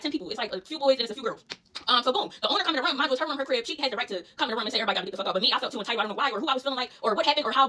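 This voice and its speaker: A young woman with a Philadelphia accent, telling a storytime in a rapid, animated, profane slang-filled way. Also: sits high. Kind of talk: casual storytime vlog.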